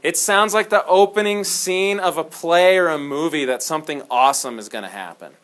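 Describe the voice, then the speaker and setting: A man teaching a history class in a classroom, talking in an animated, jokey way and slipping into dramatic storytelling. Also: on the high side, brisk. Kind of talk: classroom lecture.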